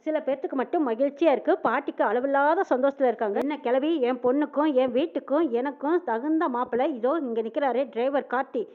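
A woman's voice: sits high, fast, hardly any pauses. A woman retelling a TV serial episode, acting out each character's quoted lines. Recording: tinny phone-like sound.

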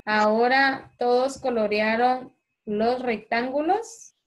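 Woman primary teacher, Honduran Spanish accent, slightly high, unhurried, patient, online class. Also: fairly even intonation. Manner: patient, slow and clear, calls children by name. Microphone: video call.

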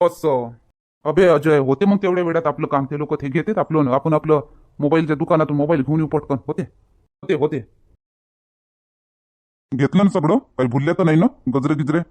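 A man's voice: on the high side, a little fast, long pauses, darkish tone. A man acting in a village comedy skit, talking in a bossy, grumbling way. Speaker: comedy sketch actor.

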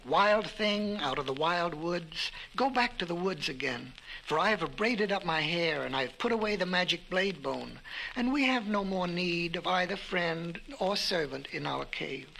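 A man's voice: high voice, animated, measured pace, creaky, pushed and bright, a little hiss or hum, full character voice, rough recording. A man voicing a wise, mocking cave woman in a storybook reading on an old vinyl record, speaking in a firm, teasing way. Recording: vintage vinyl record with music.

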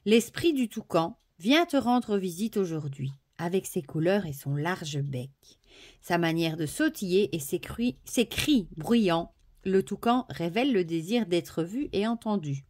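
A woman presenting an oracle card deck, softly admiring each card and then reading the booklet text aloud. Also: on the low side, expressive, a little slow.

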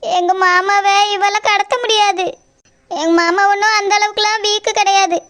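A woman's voice: very high voice, fairly even intonation, normal speed, fairly bright tone. A woman voicing an anxious young bride with a Kanyakumari Tamil accent, asking in worry. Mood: worried. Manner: worried, pleading.

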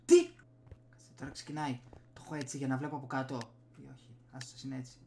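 With music in the background, this young gaming streamer offers casual commentary in a flat, mid-range voice, muttering and reacting in short spurts. He records on a desk USB microphone in a small room at home.

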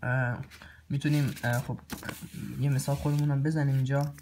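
A man teaching a recorded grammar lesson. He pauses often with filler sounds and clears his throat now and then. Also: mid-range voice, flat delivery, a little mellow, a little hiss or hum. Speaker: language teacher.

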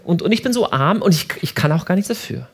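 A self-pitying victim whines and stumbles over his words while blaming everyone, as a man acts him out. The delivery is lively in pitch and slightly husky. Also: fast, heavily acted. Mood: whiny.

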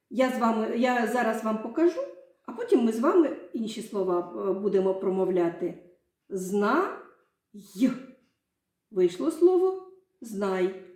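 A woman's voice: medium pitch, mellow. Woman, primary teacher, children's literacy lesson, sing-song coaxing delivery, very echoey room.

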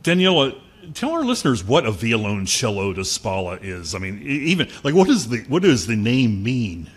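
Animated, hesitant man hosting. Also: mid-range voice, moderate pace, slightly rough. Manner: hesitant, chatty. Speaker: podcast host. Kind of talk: interview questions. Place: library meeting room.

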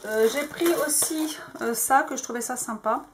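A woman's voice: high voice, normal speed, noisy background. A woman vlogging in French, casually showing crafting dies with lots of hesitant fillers. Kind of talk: casual show-and-tell.

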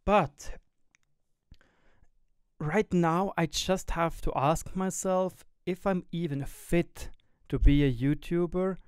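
In a reflective personal monologue, a young Swiss gaming YouTuber and streamer speaks openly and thoughtfully, his German-tinged English broken by pauses as he hunts for words. His smooth, slightly high voice lilts up and down and has a darkish tone. He's in a small home gaming room wearing a headset, close to a studio mic on a boom arm, and the recording is dry and close.

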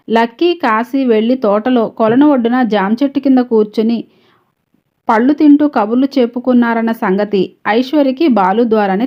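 Woman reading out a story episode, steady and measured, voice a bit high, muffled lo-fi sound. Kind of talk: serial story narration.

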